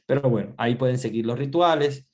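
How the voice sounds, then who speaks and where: A middle-aged man, a priest, giving an online Bible class in a relaxed, conversational way, with many fillers and restarts. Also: mid-range voice, quick pace. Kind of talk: online class lecture with screen sharing.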